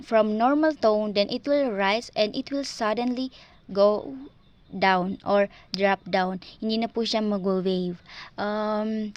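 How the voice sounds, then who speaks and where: A woman with a Filipino accent giving a class presentation, switching between English and Filipino as she explains step by step. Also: medium pitch. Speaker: student presenter.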